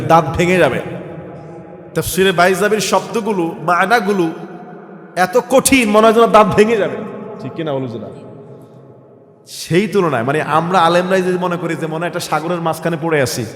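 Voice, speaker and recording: A man from Bangladesh with a Bangladeshi Bengali accent preaching a waz sermon, firing rhetorical questions at the crowd and swinging between soft passages and shouts. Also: high-pitched. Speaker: Islamic preacher. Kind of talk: waz sermon with Quran recitation. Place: religious gathering (waz mahfil). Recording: roomy hall with long reverb.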